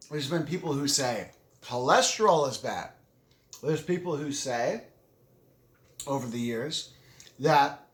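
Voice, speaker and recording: A man's voice: fairly high pitch, fairly bright tone. A man casually vlogging while he eats, talking with his mouth full in a rambling, enthusiastic way and often correcting himself. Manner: talks with his mouth full, chewing between phrases. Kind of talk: casual vlog talk while eating. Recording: echoey room.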